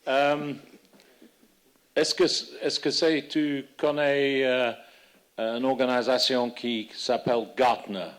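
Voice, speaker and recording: A man with a foreign accent in French, not a native speaker, moderating a conference and searching haltingly for his words. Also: medium pitch, little pitch movement.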